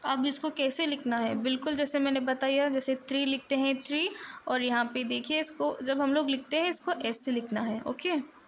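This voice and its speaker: Woman teacher, high voice, slow, careful delivery, lo-fi phone-like recording. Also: fairly even intonation, slight background noise. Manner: mixes English words into Hindi, stretches sounds for pronunciation. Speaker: Hindi teacher. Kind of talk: slow, patient teaching with drawn-out example words.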